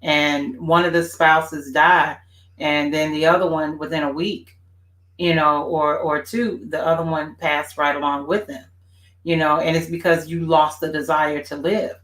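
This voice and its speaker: A woman's voice: low-pitched, level tone, measured pace, fairly bright tone. A woman co-hosting a family faith talk show, chatting reflectively and agreeing with her partner, with many "you know" fillers. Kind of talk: casual conversation. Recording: roomy echo.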